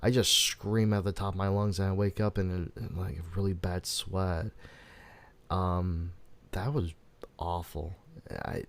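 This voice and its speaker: A man's voice: low-pitched, level tone. A young man hosting a casual podcast, rambling through stories with frequent laughs. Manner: rambling, laughs often, tells stories slowly. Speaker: podcast host. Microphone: headphones and desk mic.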